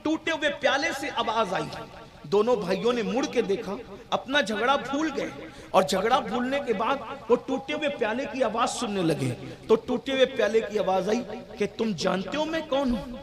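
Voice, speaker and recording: A male preacher delivering a sermon at a religious gathering, emphatic and exhorting, often rising to shouts. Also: extremely high pitch, animated.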